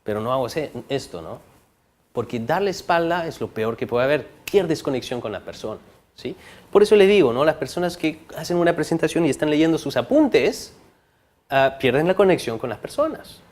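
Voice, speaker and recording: Guy teaching body language to a crowd, a bit higher voice, keeps asking "right?", drops low then punches words. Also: a little fast. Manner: lively, frequent rhetorical checks with the audience; varies volume and speed for emphasis. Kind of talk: training talk to an audience.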